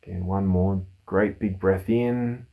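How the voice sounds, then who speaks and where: In a low-pitched voice, a man leads a guided meditation the way a mindfulness teacher would, speaking slowly and soothingly and leaving pauses between calm instructions.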